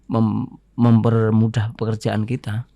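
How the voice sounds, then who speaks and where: Gravelly-voiced Indonesian man, measured. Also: lowish voice, monotone, mellow, no echo. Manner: measured, fills pauses with "apa namanya". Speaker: podcast guest. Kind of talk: casual interview talk.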